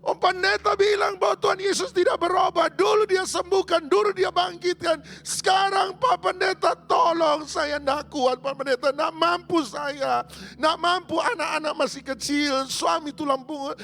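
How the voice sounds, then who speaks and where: A man voicing a desperate grieving village widow, wailing and pleading in sobbing shouts. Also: extremely high pitch, animated, normal speed, creaky, soft background music, full character voice. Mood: insistent.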